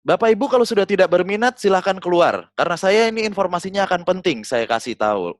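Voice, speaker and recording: A man doing a shrill, stern lecturer. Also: sing-song, fast talker, no room sound, clean studio sound. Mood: scolding. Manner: high, loud, scolding. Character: stern pompous male extension worker lecturing villagers.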